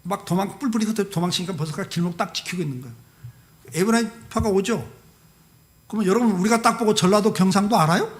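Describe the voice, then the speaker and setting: A man preaching a sermon as a guest pastor, telling the story in a lively way, acting out dialogue and adding humorous asides. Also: sits high, fast. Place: church service.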